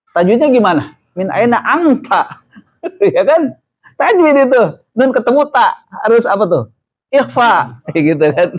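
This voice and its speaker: Man, Indonesian accent, casual sermon, slightly high voice, dry close sound, asks the listeners questions. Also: no room sound. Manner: chatty, jokes and asks the audience questions. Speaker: ustadz giving a religious study talk. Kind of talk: casual mosque study sermon.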